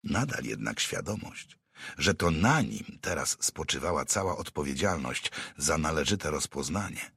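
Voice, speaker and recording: A man reading an audiobook novel aloud in a steady, measured storytelling manner. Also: low-pitched, breathy edge, no room sound, studio quality. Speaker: audiobook narrator. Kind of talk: scripted narration.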